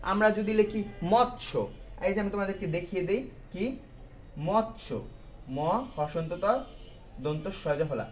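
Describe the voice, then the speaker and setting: A man's voice: sits high, darkish tone. A male teacher giving a grammar lesson to students, explaining step by step and asking questions that he answers himself, in a colloquial style with English words mixed in.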